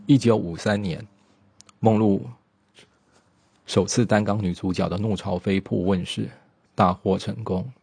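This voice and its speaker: Low gravelly male documentary narrator. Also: unhurried, long pauses, no room sound. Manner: steady storytelling with small slips.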